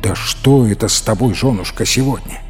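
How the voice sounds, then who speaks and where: A man voicing a patient young husband who gently calms his wife in a storybook reading. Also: lowish voice, moderate pace, faint music behind, natural voice. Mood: soothing. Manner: soothing, mildly reproachful.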